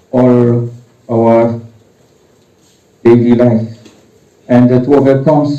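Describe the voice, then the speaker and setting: A man leads prayers in a church, his very dark voice unhurried and halting. Cathedral echo rings around every word. The recording sounds dull and lo-fi. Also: mid-range voice. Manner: slow, halting delivery with "uh" fillers. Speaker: priest leading a church service. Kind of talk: liturgical prayer and scripture announcement.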